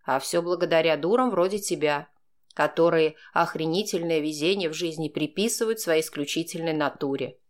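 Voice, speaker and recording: A smug young man drawls his taunts in a low, mocking voice that drips with insinuation, as a woman narrator puts him on. He sounds sure of himself and openly scornful, and his story voice sits well below her own. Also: normal speed, lightly acted. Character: brash mocking male student, young man.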